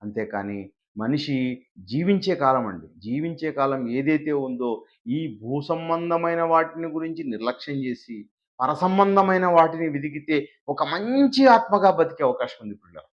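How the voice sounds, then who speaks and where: A man's voice: on the high side, lively intonation, normal speed. A man from India preaching a live sermon, emphatic and full of rhetorical questions to his listeners. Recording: dull lo-fi recording.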